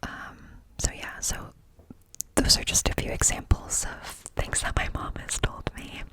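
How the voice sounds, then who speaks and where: A woman speaks entirely in a breathy, unvoiced whisper, hushed as if everyone else is asleep at night. She tells her story casually, wandering conversationally from thought to thought, cupped close to the microphone in ASMR style. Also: a little slow. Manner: hushed, quiet-at-night confiding. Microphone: close microphone with cupped hands.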